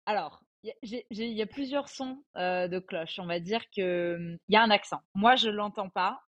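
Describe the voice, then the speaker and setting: A woman's voice: mid-range voice, moderate pace, highs cut off. A woman in her twenties, a podcast guest, talking casually and hesitantly with lots of fillers. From France. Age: 20s. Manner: hesitant, many fillers, chatty. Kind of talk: casual conversation.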